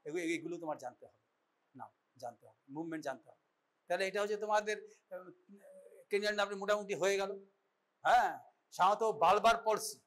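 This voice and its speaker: This medical college lecturer has a high, slightly bright voice. He's instructive, demonstrating an exam in a classroom setting and often making sure the students understand.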